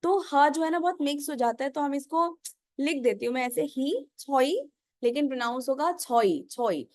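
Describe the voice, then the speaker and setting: A woman's voice: high voice, normal speed, no room sound, studio quality. A woman with an Indian accent teaching Korean pronunciation, asking and answering her own questions step by step. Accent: Indian English. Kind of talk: whiteboard lesson explanation.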